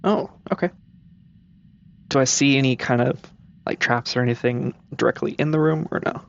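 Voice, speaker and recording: During a comedic tabletop game, a player with a mid-range, gravelly voice cautiously and curiously fires question after question at the game master. He speaks at normal speed, and the audio is dull with a little hiss or hum.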